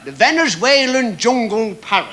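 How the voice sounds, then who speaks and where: A man performing a comic mock lecture on stage as a ventriloquist, with formal, deliberate, mock-scholarly phrasing. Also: extremely high pitch, big pitch swings. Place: on stage at a live show. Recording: very noisy live stage recording.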